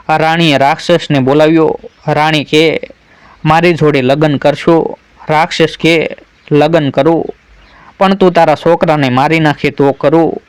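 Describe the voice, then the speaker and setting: A man with a Gujarati accent narrates a folk tale, slipping the characters' lines into his own plain telling. His voice sits fairly high and sounds smooth and resonant. The recording is dry and close. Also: no echo. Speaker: storyteller.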